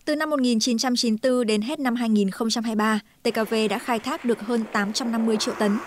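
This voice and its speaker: A woman reading a scripted news voice-over in a smooth, even manner. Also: on the high side, quick pace. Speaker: news narrator.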